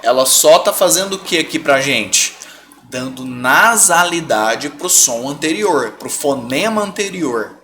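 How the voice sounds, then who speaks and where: Male teacher, slightly higher voice, drawn-out demonstrations, patient live-class delivery. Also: expressive, sharp tone, slight background noise. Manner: patient, stretches out example sounds, keeps checking understanding. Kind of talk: live online lesson.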